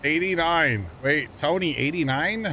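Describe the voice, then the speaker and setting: A man's voice: fairly high pitch, expressive, a little slow, pushed and bright. A middle-aged man hosting a gaming livestream in casual chat, teasing his co-player and humming along. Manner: teasing, jokey, hums while playing. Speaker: livestream host. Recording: game vehicle engine noise behind.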